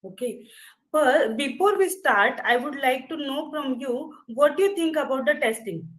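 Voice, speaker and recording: A woman teaches over a video call, her voice sitting a little high. She keeps inviting her listeners to speak up and checks that they can follow. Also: lively intonation, moderate pace, fairly bright tone, rough recording. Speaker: guest speaker, software trainer. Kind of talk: interactive online lecture.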